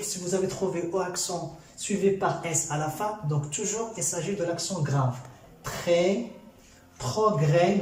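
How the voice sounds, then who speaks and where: Patient Moroccan-accented teacher, dark and mellow tone, repeats points, heard from a distance. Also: medium pitch. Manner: patient, repetitive, asks and answers own questions. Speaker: French teacher. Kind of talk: explaining a grammar lesson. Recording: very echoey room, distant mic, faint music.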